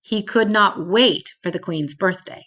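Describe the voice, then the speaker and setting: This is an older woman with a fairly low voice, reading a children's picture book. She goes slowly and dramatically, stretching key words so little ones can follow.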